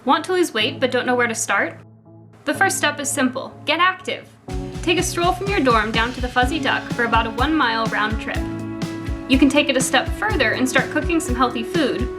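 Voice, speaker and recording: A woman reads an upbeat public service spot in a high, bright voice. A music bed plays clearly beneath her. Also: animated, brisk. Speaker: ad announcer.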